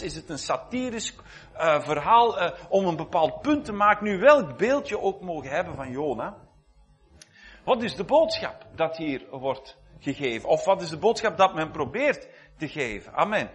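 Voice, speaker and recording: A man preaching a sermon in a conversational, reflective way, often repeating words and clearing his throat. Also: sits high, a bit bright.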